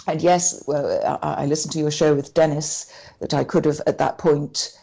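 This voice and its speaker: A woman talking as a guest in an interview, recounting events in a halting way and often restarting her sentences. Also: deep voice, steady tone, creaky, warm tone, slightly rough. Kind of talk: conversational interview.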